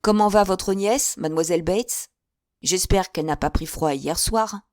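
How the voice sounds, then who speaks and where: A woman voicing a stern, authoritative gentleman who speaks firmly and briefly. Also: lowish voice, moderate pace, dry recording, clean studio sound, natural voice. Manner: firm and clipped.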